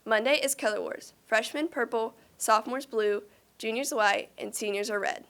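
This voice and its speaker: A woman's voice: fairly high pitch, normal speed, fairly bright tone. A teenage girl co-anchoring a student news show, reading announcements cheerfully. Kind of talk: scripted school news reading.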